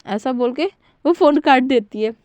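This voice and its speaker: High-voiced woman casually retelling a story. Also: normal speed, a little mellow, dry recording. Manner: chatty, with fillers and self-corrections. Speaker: narrator retelling fan fiction.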